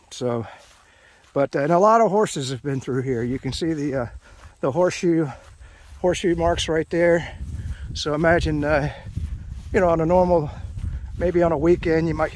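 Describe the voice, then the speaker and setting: Middle-aged man, rambling trail vlogger, slightly higher voice, walking outdoors with the camera. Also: moderate pace, long pauses, slight background noise. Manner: rambling, chatty, many fillers and restarts. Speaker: vlogger narrating a hike. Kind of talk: casual hiking commentary to camera. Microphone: handheld action camera, off-screen narrator.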